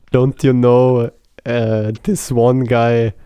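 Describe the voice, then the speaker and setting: A man with a smooth, clear voice talks slowly and casually about a film, pausing often on fillers and slipping in jokes. His first language is German. The sound is close and dry, with no room around it. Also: medium pitch, darkish tone, no room sound. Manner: hesitant, jokey, many fillers. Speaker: podcast co-host.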